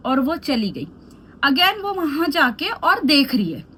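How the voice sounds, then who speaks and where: High-voiced woman telling a vlog story. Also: slow, a little hiss or hum. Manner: animated storytelling mixing Hindi and English. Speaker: beauty vlogger. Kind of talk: storytime vlog while doing skincare.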